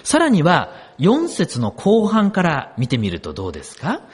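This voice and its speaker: Husky male preacher, high and very animated delivery, storytelling sermon. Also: normal speed. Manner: expressive storytelling, asks the congregation questions. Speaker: pastor.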